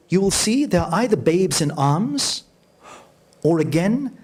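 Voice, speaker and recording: A man giving a storytelling lecture as a radio journalist, acting out dialogue vividly and slowing to a low voice for emphasis. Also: a little mellow. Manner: vivid, acts out dialogue with shifting pitch; slows down and drops low for emphasis. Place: lecture hall.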